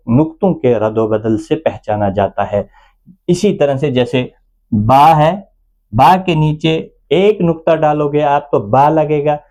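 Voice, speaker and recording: A man's voice: fairly high pitch, mellow. A man teaching the Arabic alphabet in an online lesson, explaining patiently step by step. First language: Urdu. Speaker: Quran reading teacher.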